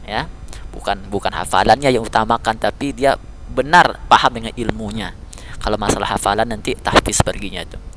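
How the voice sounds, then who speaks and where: A man teaching tajweed, repeating letter sounds slowly and patiently, speaking as a father figure to his pupils. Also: on the low side, lively intonation, background noise. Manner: calls listeners "nak", speaks as a father figure. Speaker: Quran recitation teacher. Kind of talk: tajweed lesson.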